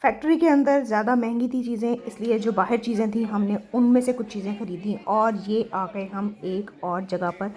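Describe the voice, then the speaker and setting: A woman's voice: mid-range voice, brisk, few pauses, a little mellow. A woman giving a casual voice-over for her travel vlog in a chatty, easygoing way. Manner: casual and chatty, sometimes forgetful. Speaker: travel vlogger.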